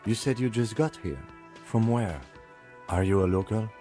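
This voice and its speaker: A man voicing a calm, precise police lieutenant in a video game, reserved in manner. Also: lowish voice, normal speed, soft background music, lightly acted. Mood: composed.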